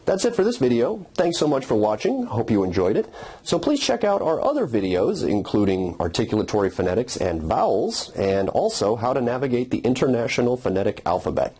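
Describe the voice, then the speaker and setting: A man's voice: mid-range voice, big pitch swings, fairly quick, dark tone, slightly rough. A man narrating a scripted phonetics lesson, explaining and demonstrating speech sounds in a methodical way. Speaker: phonetics instructor.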